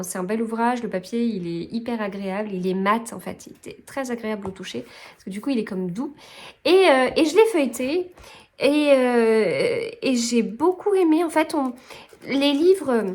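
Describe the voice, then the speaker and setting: Chatty woman book vlogger, slightly high voice. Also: a little mellow. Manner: chatty, rambling, self-correcting. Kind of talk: casual book chat.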